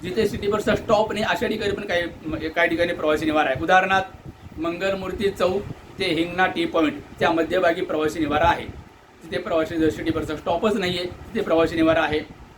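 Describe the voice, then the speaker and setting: A man from delivers an earnest complaint monologue, asking indignant rhetorical questions and mimicking shouted orders. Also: fairly high pitch, fairly even intonation, brisk, background noise. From India. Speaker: Buddhist monk airing commuter complaints. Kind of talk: direct-to-camera complaint monologue.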